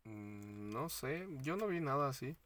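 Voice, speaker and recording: A man with a Mexican accent co-hosting a podcast, retelling a story in slangy, animated casual chat and acting out the quotes. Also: mid-range voice, measured pace. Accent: Mexican Spanish. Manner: frequent laughs and fillers like "este". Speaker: podcast co-host.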